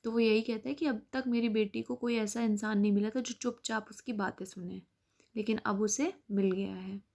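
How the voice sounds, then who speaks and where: Patient woman teacher, mellow voice. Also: medium pitch, fairly even intonation. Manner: reads English text slowly, then explains it patiently. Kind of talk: explaining an English lesson in Hindi.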